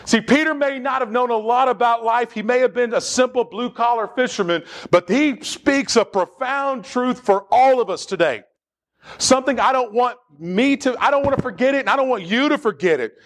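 A man's voice: very high voice, normal speed, fairly bright tone. A man preaching a sermon as pastor in a church, leading the congregation in call-and-response. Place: church sanctuary.

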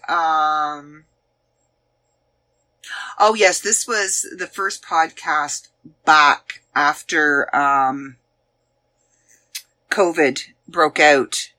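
A woman's voice: fairly low pitch, drawn-out words, long pauses, pushed and bright. A Canadian woman in her forties with a Canadian accent, hosting a podcast and chatting casually about past episodes, rambling and searching aloud with many fillers. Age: 40s. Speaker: podcast host. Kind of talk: casual chat looking back on past episodes.

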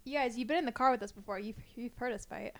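A woman's voice: a little high, quick pace, a bit bright, no room sound. A woman in her twenties teasing her partner on a casual podcast. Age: 20s. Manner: teasing, playful. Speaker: podcast guest. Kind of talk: casual chat.

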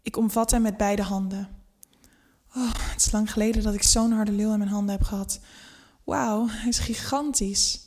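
Unhurried and intimate, a medium-pitched female voice reads a first-person erotic story from a script. The reading is even and steady, dipping at moments to a near whisper-like hush.

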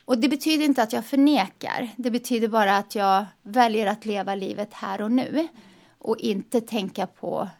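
A woman speaking calmly and reflectively in a casual conversation, taking long measured turns. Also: fairly high pitch. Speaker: guest.

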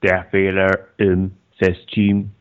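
A man whose voice comes through a glitchy connection that makes it sound robotic and rasping, making slow, playful mock announcements in a casual chat. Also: low voice, completely flat delivery. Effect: robotic, rasping distorted voice from a glitchy connection. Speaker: podcast co-host. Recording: dull lo-fi internet call audio.

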